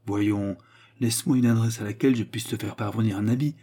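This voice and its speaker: A man's voice: on the low side, steady tone, fairly quick, warm tone, breathy edge. A man voicing a scheming, garrulous old male baron who needles his son, in an audiobook reading. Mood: needling. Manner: sly, needling, boisterous. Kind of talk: audiobook character voice.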